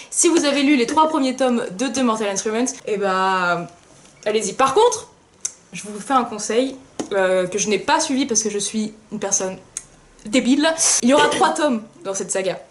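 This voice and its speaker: A woman's voice: on the high side, moderate pace. A tired young woman co-hosting a book video, bubbly and self-mocking as she chats. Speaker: book channel co-host. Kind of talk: casual chat.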